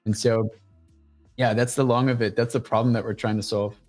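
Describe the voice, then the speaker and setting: A man talking as a guest on a casual livestream show, pitching his startup in a blunt, profane, energetic way. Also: fairly quick, soft background music.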